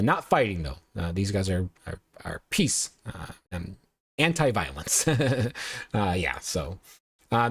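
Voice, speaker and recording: A man's voice: lowish voice, no room sound. A male show host casually recapping and reviewing anime episodes, rambling and often correcting himself with lots of uhs.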